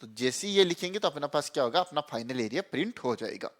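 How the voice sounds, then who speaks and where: A man's voice: a little high, expressive, fast talker, fairly bright tone. A young man teaching a programming lesson in a chatty way, often asking and answering his own questions. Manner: chatty, repeats "theek hai" and "chalo". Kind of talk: screen-recorded coding lesson.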